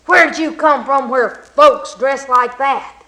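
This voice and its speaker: A woman voicing a mean, ornery old male blacksmith who talks gruffly and hollers his lines. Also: fairly high pitch, animated, unhurried, sharp tone.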